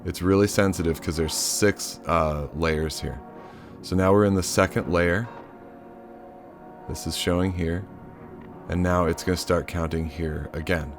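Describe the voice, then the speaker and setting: A deep-voiced man walks through a synth module at an easy, unhurried pace. He is chatty and informal, dropping jokes and the occasional curse as he demonstrates. Faint synth music plays underneath. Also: fairly even intonation. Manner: loose, chatty, swears offhandedly. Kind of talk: casual hands-on tutorial.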